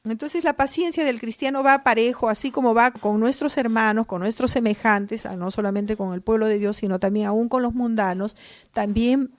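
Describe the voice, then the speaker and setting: A woman's voice: fairly high pitch, moderate pace, no echo. A woman leading a Bible study, reading scripture aloud and explaining it earnestly, asking tag questions as she goes.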